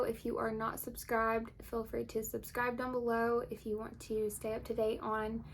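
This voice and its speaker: A young woman chatting casually as she shows a room in her home, a bit out of breath. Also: on the high side. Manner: chatty, descriptive, uses "little" often. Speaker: vlogger. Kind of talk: casual home tour vlog.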